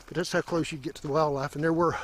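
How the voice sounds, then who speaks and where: A man's voice: fairly high pitch, fairly even intonation, fast. A man filming himself on a wooded trail, out of breath and chatting as he points things out along the way. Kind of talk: casual narration while hiking. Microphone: handheld camera.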